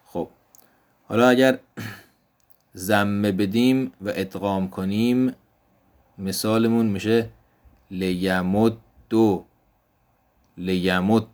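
A man teaching an Arabic grammar lesson, explaining step by step and repeating each example word slowly. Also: lowish voice, steady tone, darkish tone. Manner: slow, deliberate explanation, repeating example words.

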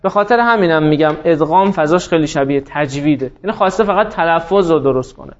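A man with a high, light voice lectures a class, walking through each point and answering the questions he raises. The recording is dull and lo-fi, with muffled highs. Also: lively intonation. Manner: explanatory, poses and answers his own questions. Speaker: teacher.

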